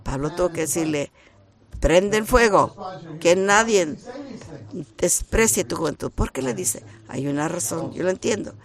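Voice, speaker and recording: A man preaching a sermon, talking in a shy, halting way that rises into emphatic bursts. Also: fairly high pitch, lively intonation.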